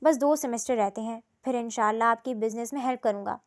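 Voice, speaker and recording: A woman's voice: fairly high pitch, close to an everyday voice. A woman voicing a cheerful, friendly rich young male student who mixes in English words in a storybook reading.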